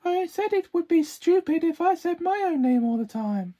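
A man voicing a polite, chatty young girl rag doll in an amateur puppet show, with quaint, deliberate phrasing. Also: very high voice, expressive, dark tone. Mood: exasperated.

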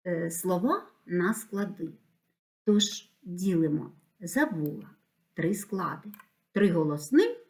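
Woman teacher with lively, animated pitch. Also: vocal fry. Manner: slow, deliberate syllable-by-syllable dictation. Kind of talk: school lesson explanation.

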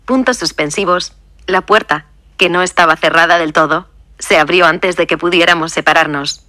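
Woman, audiobook narrator, lowish bright voice, dry close sound, reads punctuation out. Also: normal speed, no room sound. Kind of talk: first-person audiobook narration.

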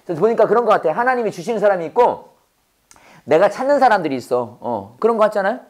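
A man's voice: high-pitched, very animated, fast, a little mellow. A Korean-speaking man teaching a Bible-based English lesson to a class. He drills phrases with call-and-response and laughs often.

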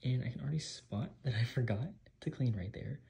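A man's voice: mid-range voice, fairly quick, gravelly, dark tone, a little hiss or hum, rough recording. A young man talking casually in a home cleaning vlog, chatty and full of "like" fillers, filmed on a phone in his bedroom. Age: young adult. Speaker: vlogger. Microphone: phone camera, moving around the room.

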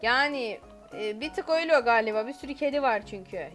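Bright, high-pitched woman gaming streamer, excitable and full of exclamations. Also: fast, soft background music. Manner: excitable, lots of exclamations and giggles. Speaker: gaming YouTuber. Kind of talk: gameplay commentary.

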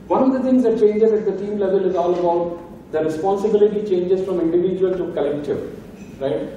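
A man's voice: high-pitched, dark tone, a little hiss or hum. Man giving a keynote in an echoey hall. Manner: conversational, emphatic, frequent "right?" tags. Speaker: keynote speaker. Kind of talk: conference keynote talk. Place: large conference hall. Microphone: handheld mic, recorded from far camera. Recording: echoey hall, distant and muffled.

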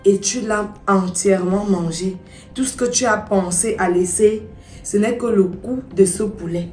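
A woman playing a stepmother in a comedy web series, scolding in a formal, measured way. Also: medium pitch, darkish tone, echoey room, far from the mic, soft background music.

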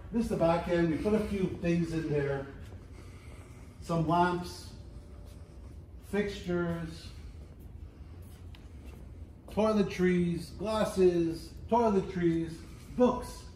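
A middle-aged man giving a casual walking tour of a large warehouse as an auctioneer, chatty and playful, listing items in quick repeats. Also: high voice. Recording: roomy warehouse echo, faint background noise.

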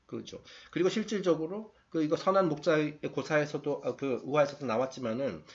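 A man's voice: a little high, a little fast. A man lecturing casually, reading passages aloud and then paraphrasing them, often checking in with tag questions. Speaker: lecturer reading and explaining a text. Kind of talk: casual explanatory talk. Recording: dull lo-fi recording.

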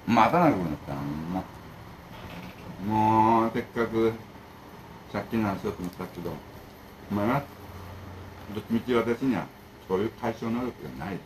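A man's voice: on the low side, moderate pace, long pauses, noisy background. A man who runs a bento shop, talking casually and rambling to camera, jumping between complaints and advice. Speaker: bento shop owner and channel host.

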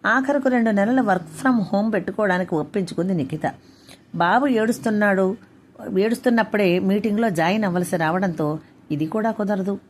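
A woman's voice: mid-range voice, moderate pace, a little hiss or hum. Woman author reading her own story. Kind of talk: storytelling narration.

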